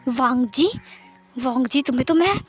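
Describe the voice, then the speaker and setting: A woman voicing an angry, protective middle-aged mother-in-law in a storybook retelling, scolding loudly. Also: high voice, expressive, moderate pace, slightly rough, soft background music.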